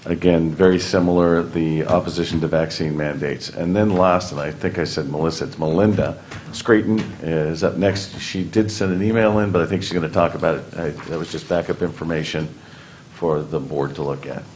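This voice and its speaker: A man chairing a county board meeting, reading out names in a brisk, procedural way. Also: very deep voice, steady tone, darkish tone, a little hiss or hum.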